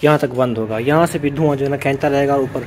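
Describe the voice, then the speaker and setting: A man's voice: medium pitch, darkish tone, slight background noise. A man vlogging casually, chatty as he explains building work around his house step by step. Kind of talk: casual home vlog chat.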